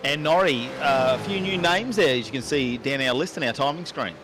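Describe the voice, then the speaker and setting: A man hosting live sim racing commentary, chatty and quick to rattle off positions and times. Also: mid-range voice, noisy background.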